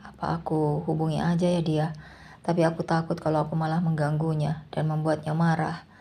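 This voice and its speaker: A woman voicing a timid, worried young wife who speaks politely, in a storybook reading with a husky voice. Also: deep voice, monotone, brisk, warm tone, slight background noise. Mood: anxious.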